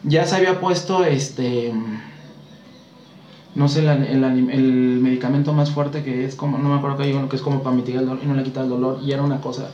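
A man's voice: mid-range voice, brisk, muffled recording, a little hiss or hum. A man with a Mexican accent, a guest telling stories in casual chat and acting out what people said to him. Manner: animated storyteller acting out quotes. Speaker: guest spiritual consultant. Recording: roomy echo, faint background ambience.

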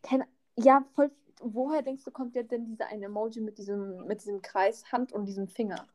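A woman's voice: on the high side, fairly even intonation, normal speed, a little mellow. A young woman in casual chat, dryly mocking and laughing at her friend. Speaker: podcast co-host.

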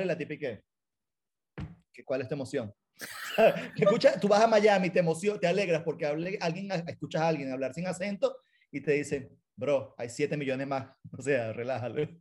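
A young Venezuelan man chats in a relaxed, animated way, with his accent clear throughout. His voice sits high for a man, and he slips into little voices to act out what other people said. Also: brisk. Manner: animated storyteller, acts out quoted lines. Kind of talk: casual chat.

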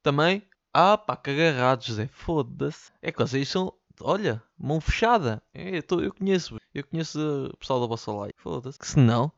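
A man's voice: on the high side, expressive, moderate pace, creaky, dry recording, highs cut off. A man with a Lisbon Portuguese accent hosting his own podcast from his bedroom, rambling and joking with lots of slang and swearing. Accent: European Portuguese, Lisbon slang. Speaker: podcast host. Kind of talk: casual solo podcast rant. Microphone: studio mic, sometimes off-axis.

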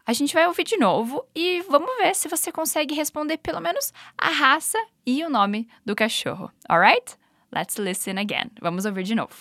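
Brazilian woman, english teacher, encouraging, high voice, lively pitch, dry sound. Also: moderate pace, no room sound. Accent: Brazilian Portuguese. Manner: upbeat, encouraging, clear. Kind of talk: language lesson with repetition drills.

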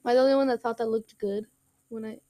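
A woman's voice: a little high, fairly even intonation, fast, warm tone, no room sound. A woman co-hosting a casual movie podcast, giving short agreeable replies and giggling often. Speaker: podcast co-host. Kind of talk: casual chat about a movie.

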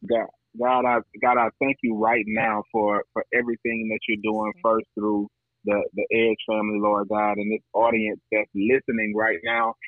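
A man's voice: lowish voice, little pitch movement, moderate pace, no room sound. Man praying over a thin phone line. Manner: preacherly, insistent, repeating phrases for emphasis. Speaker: podcast guest, entrepreneur praying on air.

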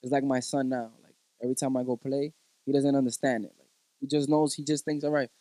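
A man in his thirties from Puerto Rico talks easily about music and family, laughing often and slipping into Spanish. His voice is mellow and dark. The sound is dry and close. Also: medium pitch, flat delivery, quick pace, dry recording, poor audio. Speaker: musician guest. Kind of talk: casual chat.

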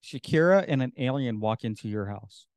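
A man's voice: medium pitch, lively intonation, normal speed, a little mellow, clear, resonant tone, no room sound, clean studio sound. A man co-hosting a podcast in casual chat, laid-back and hesitant, filling his talk with uh's. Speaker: podcast co-host.

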